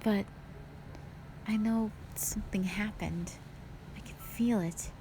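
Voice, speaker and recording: In an audio roleplay, a woman plays a fragile, remorseful young hospital patient, speaking hesitantly and apologetically and sighing between short phrases. Her medium-pitched voice is fairly even and slow, with a subdued mood, background noise, and piano music behind her.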